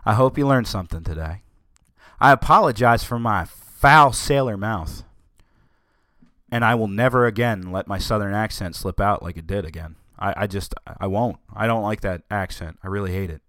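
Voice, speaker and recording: A man's voice: fairly low pitch, normal speed, fairly bright tone, no echo, clean studio sound. A man hosting his own podcast, ranting sarcastically and sounding exasperated and very tired. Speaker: podcast host. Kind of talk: solo podcast rant.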